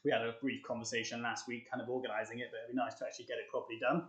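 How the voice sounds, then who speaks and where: Chatty breathless fitness coach. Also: male voice, medium pitch, level tone, very fast, fairly bright tone. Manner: chatty and upbeat, coaching between sets. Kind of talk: live-streamed workout tutorial. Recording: echoey room.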